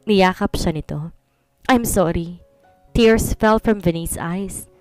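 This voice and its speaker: A woman narrating a romance story in an even storytelling manner. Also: on the low side, measured pace, no echo, soft background music. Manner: even storytelling, mixing two languages.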